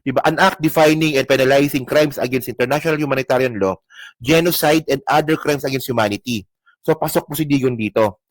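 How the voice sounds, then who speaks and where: A man's voice: medium pitch, fairly quick, no echo. Heated, mocking male commentator, dry sound. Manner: rambling with restarts, addresses viewers directly. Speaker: political commentary vlogger. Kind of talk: reaction commentary over news clips.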